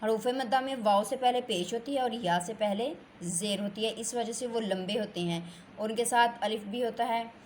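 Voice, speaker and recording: A woman teaching Quran reading in a slow, patient lesson. She draws out her words and repeats syllables so learners can follow. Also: a little high, slight background noise.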